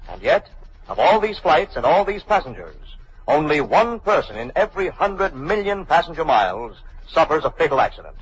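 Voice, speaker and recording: A man narrating a 1940s radio drama in a dramatic announcer manner, heard as an old radio broadcast. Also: on the high side. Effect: old radio broadcast sound. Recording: dull lo-fi vintage radio recording with loud music.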